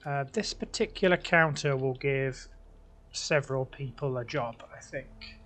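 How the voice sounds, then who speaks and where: A man's voice: mid-range voice, measured pace, fairly bright tone. A young man from the UK giving casual, chatty commentary as he plays, talking himself through each choice. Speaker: let's play host.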